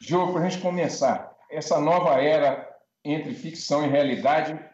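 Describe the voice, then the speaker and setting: A man's voice: on the high side, moderate pace, a little mellow, roomy sound. Brazilian man, middle-aged, chatty talk-show host on a dull-sounding video call. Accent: Brazilian Portuguese. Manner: welcoming, chatty, frequent tag questions. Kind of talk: live online talk show. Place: home room with bookshelves.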